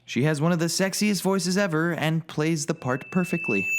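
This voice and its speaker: A man's voice: a little high, normal speed, faint music behind. A man narrating a comedic video game critique in a sarcastic, mocking way.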